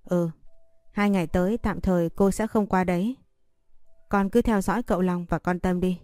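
A woman's voice: on the low side, fairly even intonation, moderate pace, dark tone, no echo, studio quality, soft background music, natural voice. A woman doing a coaxing, scheming woman. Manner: coaxing, persuasive.

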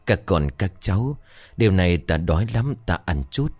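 A man voicing a ghost that poses as a gentle grandmother, talking softly and coaxingly. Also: low voice, lively intonation, a little slow, no room sound.

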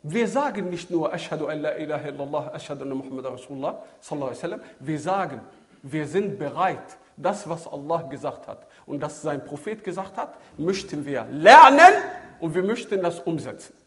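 A man preaches to a seated audience in a hall, his voice high for a man and swooping through a wide, lively range. He jumps from loud, emphatic exclamations down to low, murmured asides. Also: fairly quick. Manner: animated, swings from loud exclamations to low murmured Arabic phrases. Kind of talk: sermon.

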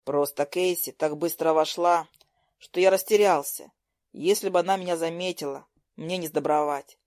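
A woman voicing a cocky, teasing teenage boy who talks low and sly. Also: fairly even intonation, moderate pace, darkish tone, no room sound, clean studio sound, close to an everyday voice. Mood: sly, defensive.

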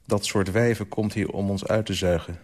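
A man's voice: fairly low pitch, fairly even intonation, moderate pace, darkish tone, natural voice. A man reading a story aloud, voicing a bitter, grumbling middle-aged uncle who mutters scornful remarks at a family dinner.

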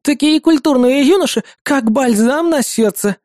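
A man's voice: extremely high pitch, normal speed, a little mellow, no room sound, clean studio sound, pitched above the performer's own voice. A man voicing chatty, nosy old grannies stuck in a cable car, speaking in a prying, fussy way. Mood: delighted.

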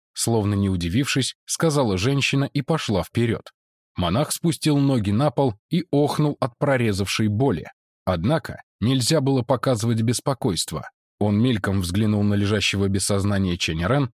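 A man reading a science-fiction story aloud as narrator, in an expressive, melodic manner. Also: on the low side, dry recording, clean studio sound. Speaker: audiobook reader.

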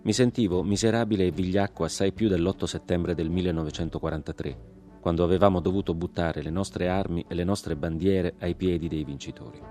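A man's voice: low voice, steady tone, a little fast, mellow, faint music behind. A man giving a dramatic audiobook reading, impassioned when he speaks his own lines in the argument. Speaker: reader.

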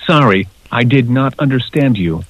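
A man's recorded voice as an automated phone system, its prompts spliced together from separate clips and read in a flat, mechanical way. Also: medium pitch, normal speed. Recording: dull phone line with faint noise.

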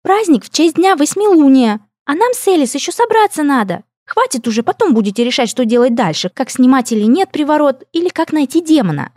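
A woman's voice: high voice, big pitch swings, a little fast, few pauses, darkish tone, dry recording, clean studio sound, voice pushed up. A woman voicing a young elf princess who is bubbly and bossy, in an audiobook reading. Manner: chirpy, insistent.

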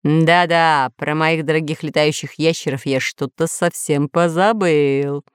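A woman's voice: low-pitched, fairly even intonation, unhurried, clear, resonant tone, dry recording, studio quality. A woman voicing a boastful, villainous male scientist who rules dinosaurs, pompous and threatening in a storybook reading. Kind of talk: storybook narration.

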